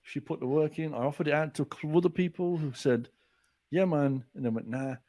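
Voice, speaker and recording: Animated man telling a story. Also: on the high side, fast talker. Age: 40s. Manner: animated storyteller acting out quotes. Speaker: guest author. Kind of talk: casual podcast chat.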